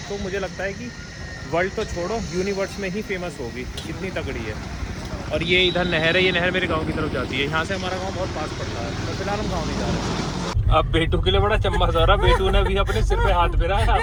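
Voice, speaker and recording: A man narrating his family vlog casually on the move, giving running commentary to the camera. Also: high-pitched. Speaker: family vlogger. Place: outdoors and around the home, on the move. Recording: noisy phone vlog audio.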